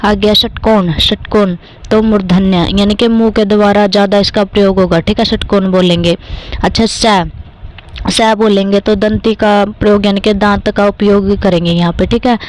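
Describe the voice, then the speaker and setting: A young Indian woman with a Haryanvi-influenced Hindi accent teaches an exam-prep grammar lesson step by step, often checking in with "theek hai." Her voice is mid-range, with fairly even intonation and a normal speed, and she occasionally clears her throat. The audio quality is poor.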